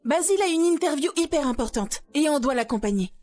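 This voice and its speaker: A woman's voice: high-pitched, expressive, fast talker, a little mellow. An actress dubbing an impatient, bossy young woman who scolds and dismisses. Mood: scolding. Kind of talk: French-dubbed drama.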